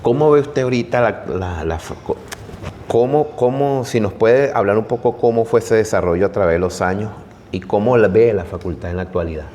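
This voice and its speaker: A man with a Venezuelan accent asks an interviewee questions in a low voice, stumbling and restarting his sentences. The room has a long reverb and faint noise. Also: brisk, mellow, lo-fi sound.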